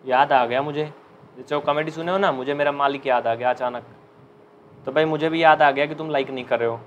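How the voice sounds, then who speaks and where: Chatty male maths teacher, fairly high voice. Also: steady tone, muffled recording, a little hiss or hum. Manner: chatty, joking, dictates slowly. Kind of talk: live online class.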